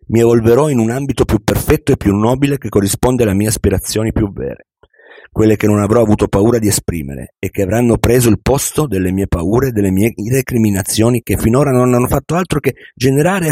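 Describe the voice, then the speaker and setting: Reading an audiobook, a man voices a wise, calm older millionaire mentor who speaks unhurriedly in measured, instructive tones. His voice is low and dark with a slightly husky edge, recorded dry and close with no echo.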